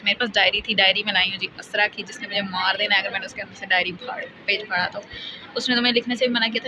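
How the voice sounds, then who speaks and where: Chatty woman vlogging, flat tone. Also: mid-range voice. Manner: chatty, rambling storytelling. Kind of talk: casual vlog storytime. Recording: muffled phone audio with noise.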